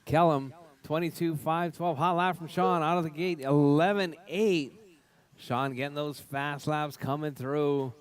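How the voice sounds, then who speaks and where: A man's voice: a little high, unhurried, smooth. A man giving live race commentary like a spotter, in repetitive clipped calls of running order and cautions. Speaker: race announcer.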